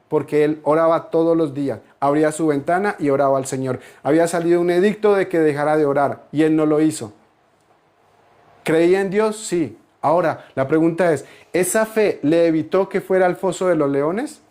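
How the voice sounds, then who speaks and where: A man delivers a sermon in a fairly high voice. He hammers home repeated phrases, lifting to emphatic peaks as he preaches. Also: darkish tone. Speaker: pastor.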